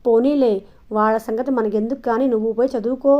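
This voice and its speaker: A woman voicing a gentle, caring young village mother who speaks softly and coaxingly, in a dull lo-fi recording. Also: fairly high pitch, fairly even intonation, brisk, lightly acted. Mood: tender. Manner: soft and coaxing.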